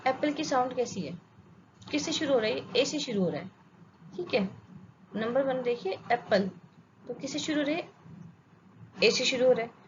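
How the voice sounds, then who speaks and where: A woman with an Indian accent teaches an English grammar lesson, asking questions, answering them herself and checking that students follow. Her high-pitched voice has lively intonation and normal speed with frequent pauses, captured in dull lo-fi sound with faint ambience and background noise.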